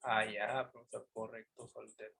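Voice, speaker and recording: A man voicing a polite, eager young male student who agrees softly and quietly in a lesson. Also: fast, gravelly, breathy edge. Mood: agreeing. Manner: soft, low and murmured.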